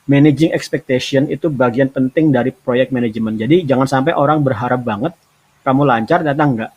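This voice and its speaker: A man hosting a talk show with an Indonesian accent, giving casual, relaxed advice with hesitations and restarts. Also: mid-range voice, fairly quick, breathy edge. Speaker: podcast host giving remote work advice.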